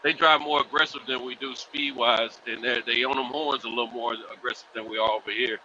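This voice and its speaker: A man's voice: medium pitch, fairly even intonation, fairly quick, a crowd in the background. A man calling in over buzzy call audio that keeps breaking up, chatting casually with loose, slangy talk and lots of fillers. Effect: buzzy, glitchy call audio that breaks up. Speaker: remote caller in a group chat. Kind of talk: casual chat. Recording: muffled call line with faint hiss.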